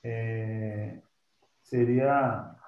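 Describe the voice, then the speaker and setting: A man's voice: fairly low pitch, fairly even intonation, drawn-out words, reverberant, narrow, tinny audio. A man taking an online Mandarin lesson as a student, speaking hesitantly and trying the words again and again.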